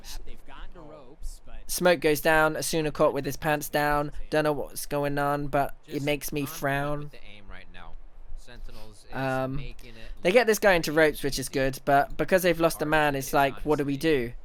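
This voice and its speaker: A man streaming live, breaking down an esports match in casual, excitable commentary through a headset mic, often restarting his sentences as he talks. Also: a little high, unhurried. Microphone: headset mic on a livestream.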